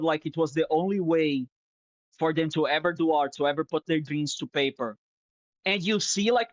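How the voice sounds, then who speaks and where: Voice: mid-range voice, no echo. A streamer in casual chat, wandering from thought to thought with plenty of swearing and open sentiment. The voice sits mid-range, dry and close on a slightly muffled headset mic. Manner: rambling, profane, sentimental. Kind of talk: casual chat while drawing.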